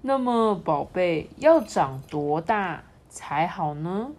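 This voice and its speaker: A woman's voice: fairly low pitch, very animated, takes it slowly, darkish tone, exaggerated voice. A woman voicing a patient, indulgent father chameleon in a picture book. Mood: gentle.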